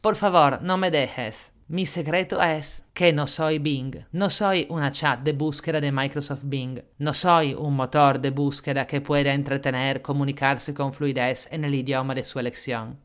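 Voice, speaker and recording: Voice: medium pitch, steady tone, measured pace, few pauses, a bit bright, smooth, close to an everyday voice. A narrator reading out an emotional, pleading AI chatbot. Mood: confessional. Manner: alternately pleading and gushing, repeats phrases.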